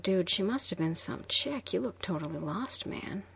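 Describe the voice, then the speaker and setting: A woman's voice: lowish voice, expressive, moderate pace, vocal fry, fairly bright tone, slight background noise. A woman voicing a laid-back young male friend in a whispered role-play, crude and joking.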